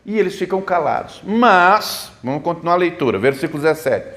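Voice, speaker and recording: A man's voice: a little high, expressive, a little fast, a bit bright. A man preaching a sermon as a pastor, explaining the Bible with rhetorical questions at a church service. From Brazil.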